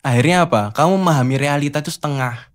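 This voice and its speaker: A man's voice: on the high side, quick pace. Teasing man. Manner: teasing, rhetorical, challenging the listener. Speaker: host. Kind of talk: casual spiritual monologue.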